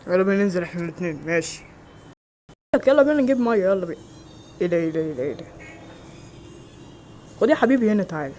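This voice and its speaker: A man with an Egyptian Arabic accent acting several everyday roles in a homemade skit, with quick, exclamatory lines. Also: high-pitched, lively intonation, background noise. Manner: quick, loud, exclamatory dialogue. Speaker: amateur actor.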